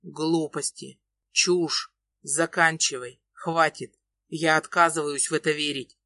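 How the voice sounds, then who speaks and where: Woman reading young male lover, lowered voice, growls and pleads, dry close mic. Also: steady tone, takes it slowly, bright, forceful tone, no room sound, heavily acted. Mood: angry. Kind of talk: audiobook reading.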